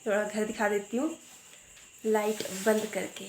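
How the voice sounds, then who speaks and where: A woman vlogger with a hoarse voice chatting casually to her viewers, filming on a phone at her home at night. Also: medium pitch, steady tone, measured pace. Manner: chatty, talks straight to viewers. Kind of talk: casual festival vlog narration. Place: home at night, indoors and outside. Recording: noisy with crickets behind. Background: crickets and insects chirping.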